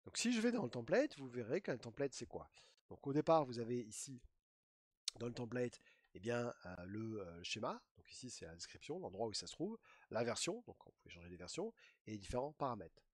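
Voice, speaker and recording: Guy doing a chatty screen tutorial, lowish husky voice, really animated, dry close mic. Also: no room sound. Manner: lively, chatty, many fillers and asides. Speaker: IT trainer.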